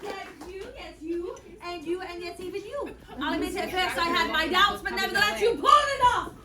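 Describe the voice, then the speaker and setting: A woman's voice: very high-pitched, a little fast, heavy background noise. A woman playing a vain, haughty, glamorous villainess, speaking with posh theatrical drama. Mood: gushing. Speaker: costumed character performer. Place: large crowded bar on a cruise ship. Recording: echoey crowded room, mic far off.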